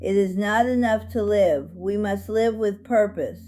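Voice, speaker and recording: A woman voicing a dignified, hopeful 101-year-old survivor, narrating her life story in a solemn, earnest, measured way over music. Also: mid-range voice, mellow, natural voice. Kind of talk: scripted first-person life-story narration.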